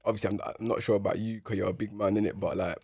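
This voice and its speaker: A man's voice: fairly low pitch, fairly even intonation, rapid-fire, darkish tone, husky, dry recording, clean studio sound. A man with a London accent hosting a casual interview in street slang, often repeating words as he prompts. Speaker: podcast host.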